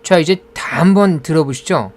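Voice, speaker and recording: A man's voice: on the high side, moderate pace, soft background music. A man teaching English pronunciation in Korean with a Korean accent, explaining patiently and modeling words.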